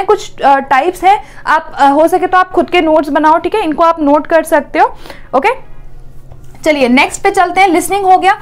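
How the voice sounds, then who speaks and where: A woman with a high voice delivers an exam-prep lesson. She explains step by step, asks her own questions and answers them, and checks in with her listeners after nearly every point. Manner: explanatory, repeats "theek hai" often. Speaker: teacher.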